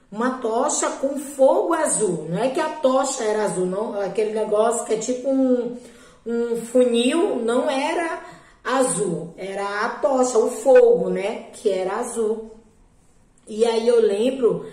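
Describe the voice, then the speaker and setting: A woman's voice: mid-range voice, warm tone, reverberant, poor audio. A Brazilian woman earnestly telling a religious testimony to a group, repeating herself and often checking in with her listeners. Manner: earnest, repetitive, often asks "né?". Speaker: believer giving a testimony.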